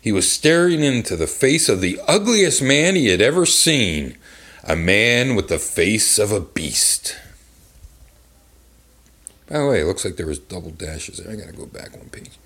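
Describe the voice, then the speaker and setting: A man's voice: lowish voice, sing-song, a little slow, a bit bright, husky. Rambling man reading a kids' book aloud. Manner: rambling and crude, many fillers and asides. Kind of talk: comedic live book reading with commentary. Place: bar.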